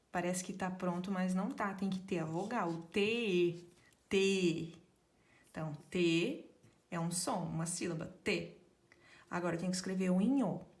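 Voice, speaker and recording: A woman teacher patiently sounding out letters and syllables in a literacy lesson for children. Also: mid-range voice.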